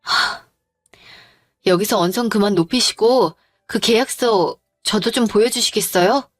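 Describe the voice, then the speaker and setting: A woman's voice: mid-range voice, unhurried, no echo, studio quality, lightly acted. A woman voicing an angry wife who firmly confronts her husband and in-laws in a dramatized story. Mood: stern. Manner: firm, demanding, accusing.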